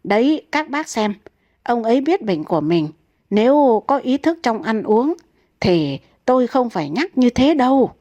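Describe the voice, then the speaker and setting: A woman's voice: on the high side, big pitch swings, measured pace, mellow, no echo, pitched above the performer's own voice. A woman voicing a fussing elderly wife who nags and scolds insistently. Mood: nagging.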